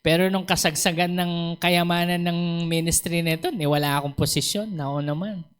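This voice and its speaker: Man, Filipino accent, pastor, sermon, animated, acts out quotes, slightly high voice. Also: normal speed, smooth. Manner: chuckles between points.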